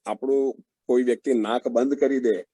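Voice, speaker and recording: A man's voice: mid-range voice, steady tone, mellow, slightly rough, no echo. A man leading an interactive online teaching session over a video call, asking the group questions and affirming their answers. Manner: slow, questioning, frequent affirming murmurs. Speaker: workshop facilitator.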